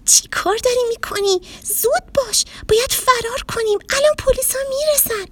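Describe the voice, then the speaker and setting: A woman voicing an excitable, easily scared young boy in a children's story, with shrill urgent cries. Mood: frantic.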